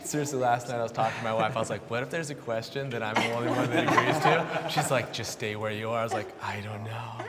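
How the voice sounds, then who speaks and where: A man's voice: medium pitch, quick pace, few pauses, in a large hall, very noisy. A man in his forties, a pastor, speaking candidly in a panel discussion and telling stories with self-deprecating humour.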